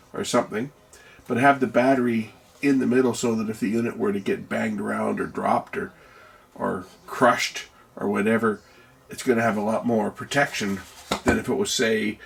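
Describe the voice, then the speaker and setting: Gravelly and fairly low in pitch, this man's voice carries relaxed electronics commentary as a video host. He works hands-on, musing and questioning himself out loud.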